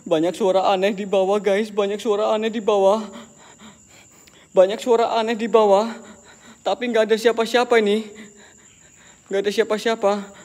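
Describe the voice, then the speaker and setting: Young male live streamer, high-pitched, jittery, keeps muttering prayers and calling out to viewers; house at night, camera mic. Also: flat delivery, moderate pace, long pauses, darkish tone. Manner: nervous, murmurs prayers and keeps addressing viewers. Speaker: host of a live ghost-hunting stream. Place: inside an empty house at night.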